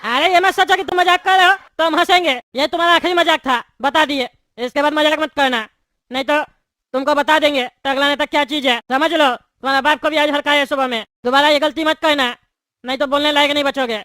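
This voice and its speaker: Cartoon villain: bald bully politician, menacing and fast, dry close sound. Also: female voice, sits high, steady tone, bright, forceful tone, no room sound. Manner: threatening, bossy. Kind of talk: cartoon voice acting.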